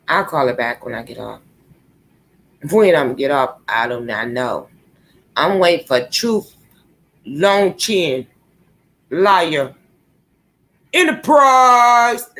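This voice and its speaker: A woman's voice: rumbling low, vocal fry. A woman talking casually on her live stream, swearing freely, laughing often and speaking straight to her viewers.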